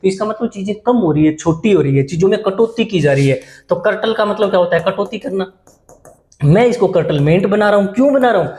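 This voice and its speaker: High-voiced man teaching English vocabulary. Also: animated, a little fast, darkish tone, echoey room, slight background noise. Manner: explains in Hindi mixed with English terms, repeats words and asks "ठीक है ना". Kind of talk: exam-prep vocabulary lesson.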